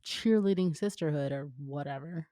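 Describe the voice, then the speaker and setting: Co-hosting a laid-back fan fiction read-aloud, a woman with a low, warm voice speaks at a normal speed. She jokes around and drifts into chatty, informal tangents. The recording is dry and studio quality.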